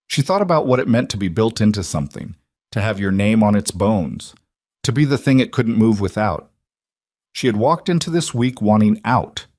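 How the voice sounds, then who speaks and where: A man giving measured, reflective scripted narration of a drama story. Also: lowish voice, a little mellow, dry recording, studio quality.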